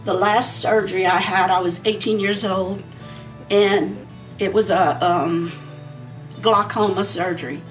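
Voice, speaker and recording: This beauty vlogger, a woman in her forties, rambles conversationally through her makeup routine like she's talking with a friend, her medium-pitched voice steady and unhurried. She's a touch hoarse, her voice fading from a sinus problem. The mic sits a short distance off, and faint music can be heard behind her.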